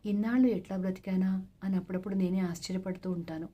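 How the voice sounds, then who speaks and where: A troubled young landlord husband speaks haltingly, his mellow tone soft and unhurried, as a woman reads his part. He trails off, hesitant and uncertain, in a storybook reading. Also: medium pitch, fairly even intonation, dull audio, natural voice.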